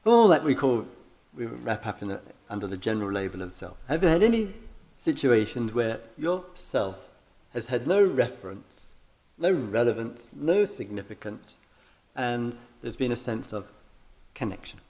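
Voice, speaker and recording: A man speaks as a meditation teacher in dialogue with a student. His delivery is deliberate and halting, circling back over phrases as he frames his questions. His pitch sits in the middle range. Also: very animated, a little mellow, low-quality recording. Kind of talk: question-and-answer spiritual dialogue.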